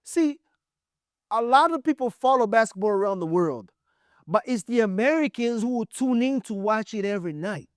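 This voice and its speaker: A man's voice: high voice, animated, normal speed, no room sound, clean studio sound. A man from Congo giving blunt, emphatic opinion commentary on basketball as the show's host. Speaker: sports commentator.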